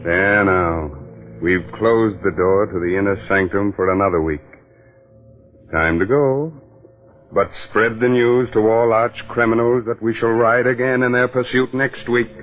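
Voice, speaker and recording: A wry, sardonic mystery host, teasing the listener in a low voice. It comes through muffled, like an old radio broadcast with faint music. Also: male voice, steady tone, measured pace, a bit bright. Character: mocking, sardonic male horror host. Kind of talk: 1940s radio acting.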